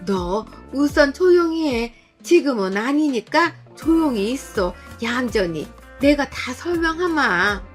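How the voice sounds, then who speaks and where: A woman's voice: high-pitched, lively intonation, faint music behind, pitched above the performer's own voice. A woman doing a stern secretive mother-in-law. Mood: commanding. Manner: slow, commanding, hushing.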